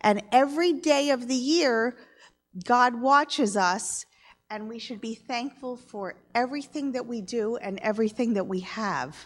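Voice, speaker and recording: A woman's voice: on the high side, unhurried. A woman talking informally to children like a Sunday school teacher, prompting them with simple questions. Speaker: children's message leader in church.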